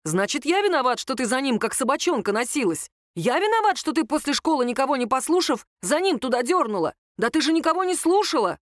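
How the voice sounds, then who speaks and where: A woman reading a story voices an angry young man, an indignant, shouting older brother. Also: mid-range voice, quick pace, hardly any pauses, dry recording, studio quality, natural voice.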